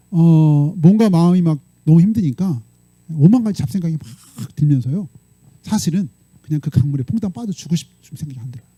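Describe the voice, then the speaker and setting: Lively-pitched husky male pastor preaching. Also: no echo. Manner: animated, prods listeners with frequent "eh?". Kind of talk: sermon storytelling.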